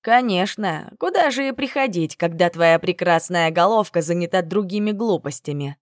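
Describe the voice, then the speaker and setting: A woman voicing a smug young male dragon who teases slowly in a lowered voice. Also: expressive, dry recording, clean studio sound, close to an everyday voice. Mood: teasing. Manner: slow, mocking, lower than the narrator.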